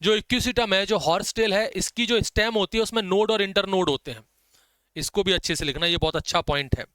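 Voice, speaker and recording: A man gives a biology lecture for exam prep, dictating notes and drawing out key terms slowly so students can copy them. His voice sits high and comes through clear and smooth. The recording is dry and close, with no room sound. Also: fairly bright tone, dry recording. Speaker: biology teacher.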